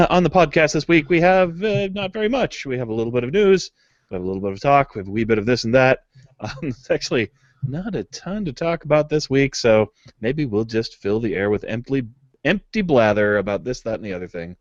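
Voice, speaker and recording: A man's voice: medium pitch, expressive, a little fast, dry recording. A man hosting a casual gaming podcast, rambling and chuckling between fillers. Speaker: podcast host. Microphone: home mic on a video hangout. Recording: dull lo-fi dry webcast audio.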